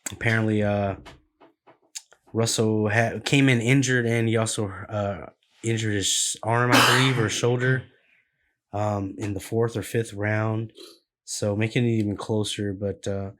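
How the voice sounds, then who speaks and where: A man with a lowish voice co-hosting a combat-sports podcast, easygoing and slangy. He strings his thoughts together loosely with plenty of fillers, like friends talking over drinks. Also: steady tone, measured pace, fairly bright tone. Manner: laid-back, slangy, trails off into fillers. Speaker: podcast co-host running the fight previews. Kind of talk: casual podcast chat.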